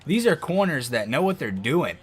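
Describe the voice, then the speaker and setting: Excitable man doing football game commentary. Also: fairly high pitch, normal speed, breathy edge. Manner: excitable, loud outbursts over game plays. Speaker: gaming video host.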